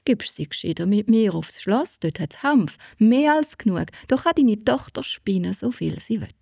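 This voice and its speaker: Storybook king, read by a woman narrator: lordly, unhurried, breathy voice, dry close mic. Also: medium pitch, lively intonation, dark tone, dry recording. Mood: stately. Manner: slow, measured, lordly. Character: fairy-tale king, calm and stately.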